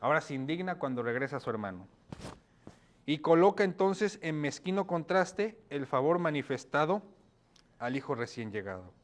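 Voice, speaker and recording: A man's voice: fairly high pitch, sing-song, normal speed. A man preaching a sermon, asking rhetorical questions and checking in with his listeners.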